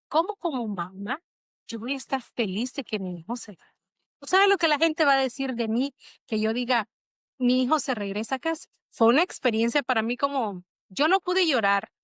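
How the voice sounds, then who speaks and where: A woman's voice: a little high, expressive, moderate pace, no echo. A middle-aged woman, an interview guest, telling a personal story in a reflective, emotional way. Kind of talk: conversational interview.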